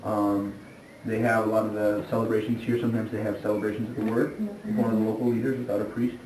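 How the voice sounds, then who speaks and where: A man's voice: fairly low pitch, fast. Casting: man, priest, easygoing explanatory talk, distant mic with a faint hum behind. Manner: relaxed, explanatory, thinking aloud. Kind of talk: casual explanation. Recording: echoey room, distant mic, faint noise.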